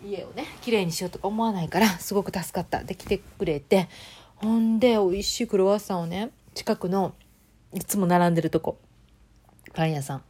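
A woman with a Kansai accent hosting her own channel, chatting casually and telling stories in a lively, conversational way. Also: mid-range voice, a little fast, breathy edge. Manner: chatty storytelling, acting out quoted voices. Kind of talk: casual chat.

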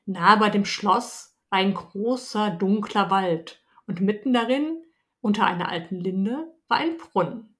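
A woman co-hosting a story podcast, reading a fairy tale in a calm storytelling manner. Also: mid-range voice, measured pace.

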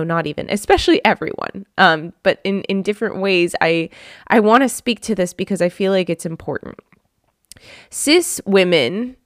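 A woman's voice: mid-range voice, dry recording, clean studio sound. A woman hosting her own podcast, speaking earnestly and from the heart straight to her listeners. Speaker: podcast host. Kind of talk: reflective solo podcast talk.

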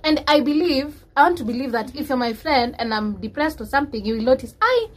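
A woman's voice: high-pitched, fast talker. A woman with a Kenyan accent chatting casually as a podcast co-host, slipping between English and Swahili slang.

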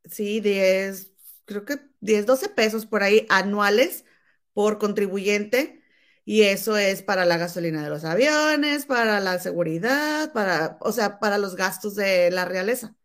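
A woman's voice: medium pitch, measured pace. Female interview host, conversational and familiar with her audience. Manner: chatty, addresses listeners familiarly. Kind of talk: conversational live interview in Spanish and English.

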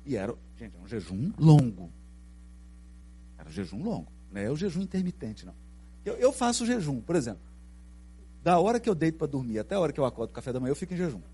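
A middle-aged Brazilian man with a Brazilian Portuguese accent giving a spiritist lecture, telling stories in an animated way and asking the audience questions. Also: a little high, rapid-fire, slightly rough. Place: lecture hall.

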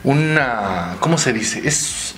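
A man's voice: medium pitch, animated, slow pace. A man with a Mexican accent in casual chat, joking and asking questions.

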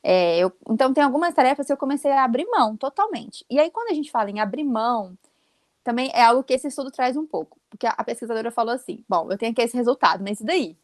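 A woman in her thirties with a Brazilian accent, co-hosting a casual chat and telling stories in a quick, emphatic, animated way. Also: high-pitched, dry recording, studio quality. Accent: Brazilian Portuguese. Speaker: podcast co-host.

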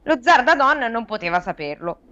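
A woman's voice: a little high, sing-song, normal speed, bright, forceful tone, highs cut off. A woman reading a fairy tale aloud, breaking off for playful casual asides. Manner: playful asides between read passages. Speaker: story reader and podcast co-host.

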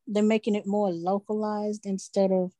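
A woman speaks in a casual group discussion, hesitant and halting as she explains her view. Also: medium pitch, little pitch movement, mellow, dry recording. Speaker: participant.

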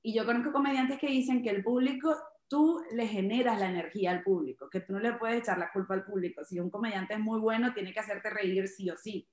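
A young woman, a stand-up comedian, telling stories in a casual interview, animated and laughing often as she acts out what people said. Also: medium pitch, a little fast, hardly any pauses. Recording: echoey room.

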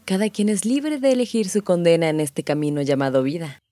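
A woman's voice: fairly low pitch, very animated, a little fast, dark tone, no echo, studio quality. Woman playing an anxious, defiant expectant mother. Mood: dry, reproachful. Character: defiant, anxious pregnant sister, fiercely ambitious mother-to-be. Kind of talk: audio drama dialogue.

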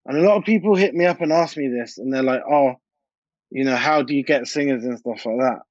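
A British man from the United Kingdom, a DJ and music producer, is being interviewed and talks casually in informal, colloquial speech, telling anecdotes. His medium-pitched voice is brisk and a little mellow. The sound is lo-fi with no echo.

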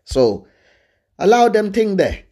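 Here the man sounds high and warm, speaking slowly with big swings in pitch. He's a London-accented host giving dating and lifestyle advice, chatting to viewers casually in slangy terms and often checking they're with him.

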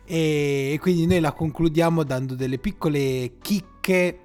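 A young man co-hosting a casual chat, telling jokey stories and acting out shouted quotes. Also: on the high side, measured pace, soft background music. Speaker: podcast co-host.

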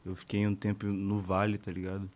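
A man's voice: lowish voice, monotone, a little fast, darkish tone. A Brazilian man, a podcast guest, chatting casually in a laid-back, slangy way. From Brazil, born in Salvador, raised in Manaus. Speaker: guest, rapper.

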